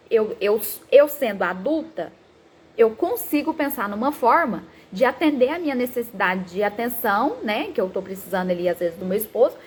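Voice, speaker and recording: Animated, high-voiced woman psychologist. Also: husky. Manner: animated, acts out parents and children in quoted voices. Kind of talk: talk on parenting.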